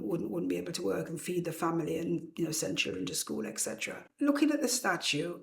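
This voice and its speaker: A woman's voice: lowish voice, creaky. An older woman giving reflective personal testimony, repeating phrases for emphasis. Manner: emphatic repetition. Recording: echoey room.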